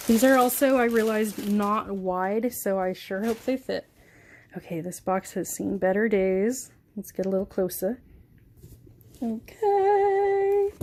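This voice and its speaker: A young woman vlogger with a slightly raised pitch. She gushes and giggles through a casual unboxing, breathless with excitement.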